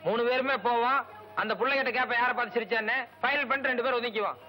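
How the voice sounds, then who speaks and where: A man's voice: very high-pitched, fairly even intonation, sharp tone. An actor playing a scheming young village man in an old film comedy, who breaks into fake wailing grief. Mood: bossy. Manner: wails in fake grief, fast and comic. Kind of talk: 1980s film comedy acting.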